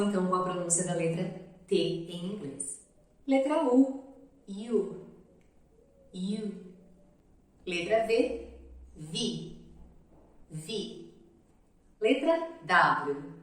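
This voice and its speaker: A woman's voice: mid-range voice, darkish tone, distant mic. Brazilian woman teaching, in an echoey room. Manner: careful, repeats each sound slowly for demonstration. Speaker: English teacher. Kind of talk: pronunciation lesson.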